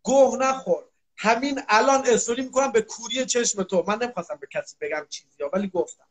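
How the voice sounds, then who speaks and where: Man, high-pitched, crude, mocking, insulting, live-stream argument, phone mic.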